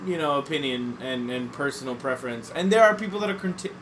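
A man's voice: mid-range voice, animated, fast talker, background noise. A young man chatting casually on a let's play, joking around with his co-host. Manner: joking, puts on silly voices. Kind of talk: casual gaming chat.

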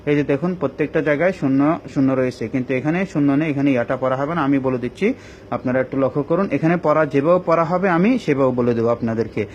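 A man teaching Quran reading in a recorded online class, explaining each rule slowly and drawing out the recited words for his students. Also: mid-range voice, muffled recording, slight background noise.

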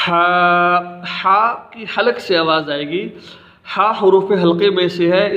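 A man in his thirties teaching the alphabet for Quran reading, speaking patiently and plainly and drawing out each letter slowly so listeners can repeat it. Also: sits high, fairly bright tone, reverberant, highs cut off. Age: 30s. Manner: slow, drawn-out letter pronunciations for repetition. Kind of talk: recorded alphabet lesson for parents.

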